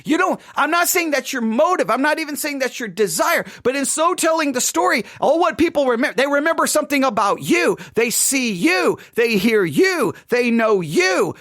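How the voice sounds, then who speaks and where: A man's voice: extremely high pitch, fairly bright tone, no room sound, clean studio sound. A middle-aged man, a pastor with a West Texas twang, giving a seated teaching talk with emphatic repetition and rhetorical questions. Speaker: pastor speaking at a conference.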